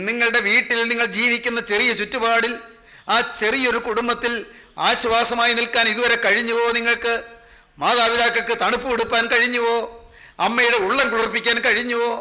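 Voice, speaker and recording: A male preacher with a very high, sharp and bright voice delivers a sermon. He piles up repeated rhetorical questions, addressing listeners as son and daughter. His pitch stays narrow and even, with little rise or fall.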